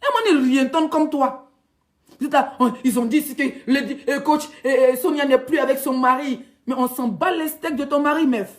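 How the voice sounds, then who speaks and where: A woman blogger with an Ivorian French accent, ranting in a heated, mocking vlog monologue. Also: sits high. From Ivory Coast. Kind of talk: ranting social media vlog.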